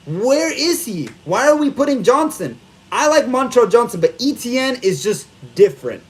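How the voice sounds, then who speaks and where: Exasperated high-voiced man ranting. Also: lively intonation, normal speed. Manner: exasperated, repetitive, rhetorical questions. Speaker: live stream fan host. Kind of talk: frustrated post-game rant. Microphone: phone camera held vertical.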